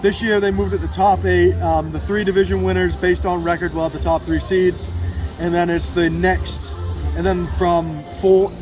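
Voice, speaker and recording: A man in his twenties who does PA announcing and radio production for a baseball team is interviewed outside over music. His voice sits high and level at a normal speed. Despite the poor audio, his casual enthusiasm comes through.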